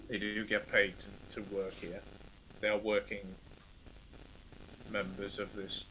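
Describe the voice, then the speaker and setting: A man improvising narration as a tabletop game master, halting and informal, with the odd mild swear. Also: fairly low pitch, monotone, sharp tone, a little hiss or hum, rough recording.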